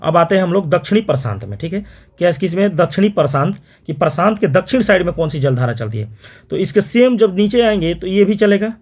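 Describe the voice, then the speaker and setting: A man teaching an exam-prep geography lesson, repeating terms and quizzing listeners with quick questions. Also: high voice, expressive, darkish tone. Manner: repetitive question-and-answer drilling, frequent "theek hai".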